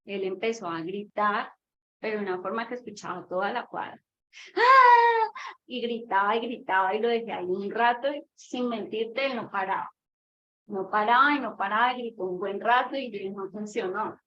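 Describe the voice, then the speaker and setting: A woman's voice: mid-range voice, fairly quick. Hesitant mother telling a story. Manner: hesitant, many fillers, acts out voices in her story. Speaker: mother asking a question. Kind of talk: casual storytelling. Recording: dull lo-fi audio with faint noise.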